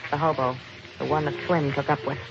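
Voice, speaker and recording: In a vintage radio crime play, an American actress voices a gangster's moll who is greedy, cold-blooded and calculating, with brash, slangy sarcasm. She speaks a little fast in a low, gravelly voice with a steady tone. The old recording is dull, with faint noise.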